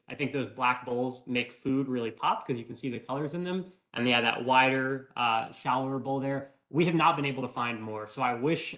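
A man's voice: mid-range voice, fairly bright tone. Young man, casual cooking-demo host, friendly and chatty, recorded in a small home kitchen. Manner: friendly, chatty, answers viewer questions. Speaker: cooking demonstrator. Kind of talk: live cooking demonstration. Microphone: fixed camera at medium distance.

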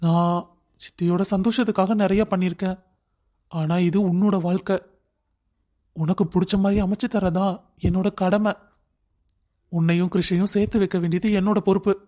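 A man voicing a protective, reassuring older brother in a cartoon story, firm and steady. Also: high voice, moderate pace, pauses often, close to an everyday voice. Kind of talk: cartoon voice acting.

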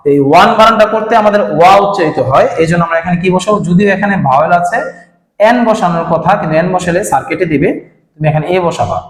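A man's voice: high-pitched, quick pace. A man teaching an English grammar lesson, explaining step by step and asking his students questions. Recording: echoey room with long reverb.

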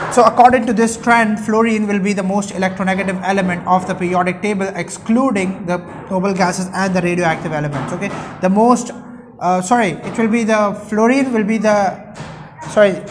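Young man teaching. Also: high voice. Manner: question-and-answer teaching with check-in tags. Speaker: chemistry teacher. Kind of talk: explanatory classroom lecture. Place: indoor room at a whiteboard.

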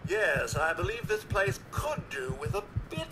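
Polite, high-pitched robot butler. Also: male voice, wildly swooping pitch, measured pace, music in the background, heavily acted. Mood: courteous. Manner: formal, courteous phrasing. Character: polite male robot butler, formal and eager to serve. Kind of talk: video game character dialogue.

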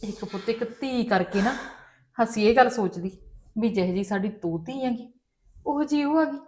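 A woman's voice: on the high side, fairly quick, a little mellow, close to an everyday voice. A woman playing a mother who soothes and coaxes her upset daughter in a family drama. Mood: calm. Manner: soothing, coaxing, repeatedly calling her child. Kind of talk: Punjabi family drama dialogue.

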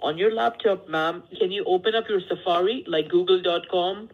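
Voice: mid-range voice, steady tone, normal speed. Insistent phone agent on a muffled line. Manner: insistent, repetitive, formally polite. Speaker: phone scammer posing as tech support. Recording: dull lo-fi phone call.

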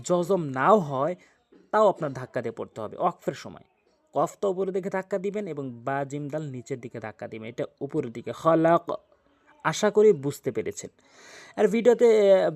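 A man teaching Quran reading in a step-by-step tutorial. He patiently spells out letters, repeats each word slowly several times, and gives viewers direct instructions. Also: a little high, a little mellow.

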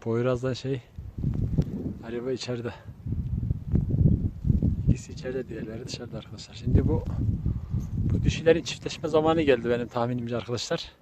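A man's voice: mid-range voice, fairly even intonation, a little fast, long pauses. A man filming a casual vlog outdoors in the snow at his kennel, chatting to viewers and talking sweetly to his dogs. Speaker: dog breeder showing his kennel. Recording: noisy outdoor recording.

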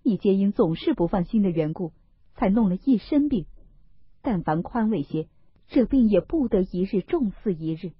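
A woman's voice: mid-range voice, expressive, moderate pace, husky, dry recording. A woman voicing an earnest, doting young nobleman from a classic novel, pleading and coaxing. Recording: dull, lo-fi, dry recording.

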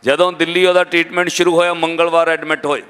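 A man's voice: a little high, level tone, quick pace, fairly bright tone, smooth. A man with a Punjabi accent giving a dramatic storytelling sermon, addressing the congregation directly. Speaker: Sikh katha preacher. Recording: reverberant hall.

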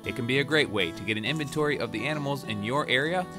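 A man narrating a scripted voice-over for an outdoor show in an even, measured way. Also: mid-range voice. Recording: narration over guitar music.

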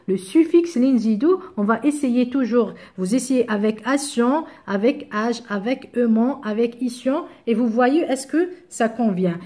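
A woman's voice: a little high, a little mellow. A woman with an Algerian accent teaching French grammar to middle-school students, explaining step by step with examples and switching into Arabic to clarify.

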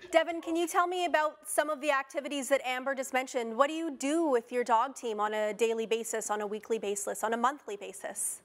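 A woman's voice: high voice, fairly even intonation, fairly quick, hardly any pauses. A middle-aged woman asking questions as a broadcast news interviewer. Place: TV studio.

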